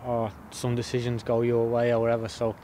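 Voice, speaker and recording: Man, thirties, footballer, post-match interview, quick talker, outdoor stadium, faint traffic hum. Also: medium pitch, completely flat delivery, mellow. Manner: plain-spoken, repeats words as he thinks.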